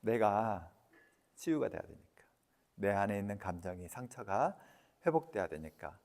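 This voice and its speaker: A man giving a lecture, lively and talkative, who keeps quizzing his audience with questions. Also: lowish voice, moderate pace, long reverb tail.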